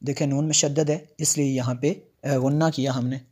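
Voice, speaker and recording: A male teacher walks through Quran recitation rules step by step. His delivery stays level and flat, broken up by frequent "uh" pauses as he explains each rule in plain teaching talk. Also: medium pitch, husky. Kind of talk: tajweed lesson, recitation with explanation.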